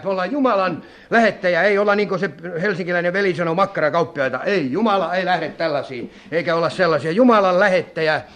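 Fervent male preacher, swinging loud and hushed. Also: on the high side. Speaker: evangelist preacher. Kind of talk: sermon.

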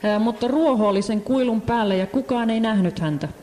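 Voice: medium pitch, darkish tone. An interpreter rendering a sermon live, hesitating often with fillers. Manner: hesitant, many fillers and restarts. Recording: echoey hall.

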